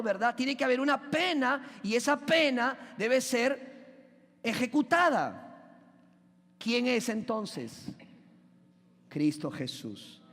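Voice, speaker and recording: High-voiced preacher in a reverberant church. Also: male voice, fairly bright tone. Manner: questions the congregation and asks them to call out answers; emphatic, drawn-out stresses on key words. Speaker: pastor. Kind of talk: preaching a sermon. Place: church sanctuary. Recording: long hall reverb in a church.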